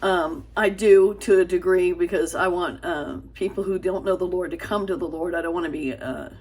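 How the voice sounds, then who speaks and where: A woman vlogger talks straight to her camera in a low, husky voice. Her speech is halting and earnest, full of fillers and restarts, and she pleads with her viewers. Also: darkish tone. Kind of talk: casual talk to camera.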